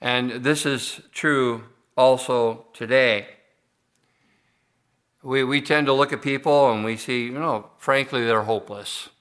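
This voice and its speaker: An older man preaching a sermon as a pastor, measured and unhurried, pausing often and restarting his phrases. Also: mid-range voice, fairly even intonation, fairly bright tone. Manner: measured, unhurried delivery with frequent pauses and restarts.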